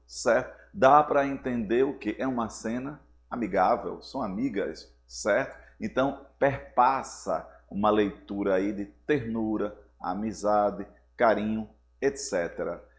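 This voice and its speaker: A man teaching a recorded school lesson to seventh graders, often checking in with "certo?" and speaking with a Brazilian Portuguese accent. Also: lowish voice. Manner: explains with frequent "certo?" check-ins to students.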